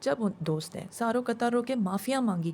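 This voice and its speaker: A woman's voice: a little high, expressive, a little mellow, slight background noise. A woman casually retelling a story in the first person, emotional and conversational, often circling back and repeating herself.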